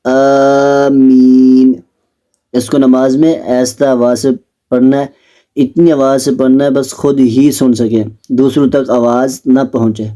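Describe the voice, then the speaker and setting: A man with a Pakistani Urdu accent teaching Quran recitation, explaining pronunciation rules quickly and then reciting the verses slowly and melodically. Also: mid-range voice, steady tone, dark tone. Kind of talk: recitation lesson.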